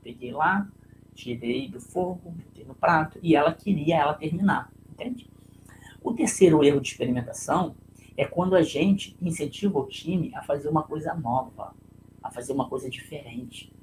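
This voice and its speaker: A Brazilian man with a gravelly, creaky voice talks through a leadership lesson on a live stream. He tells a story in a loose, chatty way and keeps checking in with his listeners. A faint hum of room noise sits behind him. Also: on the high side, moderate pace. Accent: Brazilian Portuguese. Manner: conversational, tag questions, storytelling.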